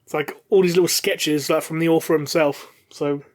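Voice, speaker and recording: A man in casual podcast talk strings his explanations together in long run-on sentences and swears casually for emphasis. His voice sits a little higher than most men's. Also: fairly even intonation, moderate pace. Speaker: podcast panelist. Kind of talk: casual chat.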